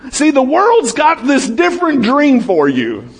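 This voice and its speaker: A man preaching a sermon as pastor, calling out to his congregation, swinging between shouts and low, quiet lines. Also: a little slow, gravelly, husky. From United States. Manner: lively preaching, calls out to the congregation, rises to shouts and drops low.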